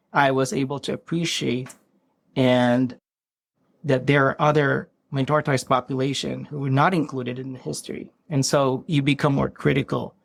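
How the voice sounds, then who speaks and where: A man's voice: mid-range voice, creaky, no echo. A man from the Philippines, a university professor, speaking as a podcast guest in a thoughtful, earnest way. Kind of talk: interview answer.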